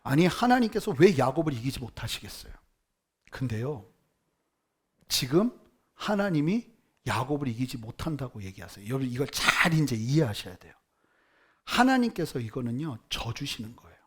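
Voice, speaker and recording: A male pastor preaching a sermon with emphatic swings between quiet murmurs and loud outbursts, leading the congregation in reading scripture aloud. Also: medium pitch, very animated, moderate pace, slightly rough. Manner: leads the congregation in unison Bible reading.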